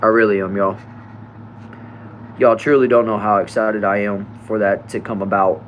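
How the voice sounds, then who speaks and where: A young guy in his late teens, chatting casually on a live stream as he answers comments one by one. His voice sits a little low, and his sentences often drop off softly at the end. A faint hum of air conditioning hangs in the background. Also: normal speed, dull audio. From United States. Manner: relaxed, chatty, trails off quietly at line ends. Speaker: livestreamer.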